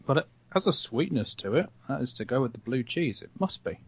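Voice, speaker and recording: A man's voice: medium pitch, expressive, fairly quick, creaky, husky, highs cut off. A man co-hosting a podcast, joking and punning in casual chat. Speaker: podcast co-host.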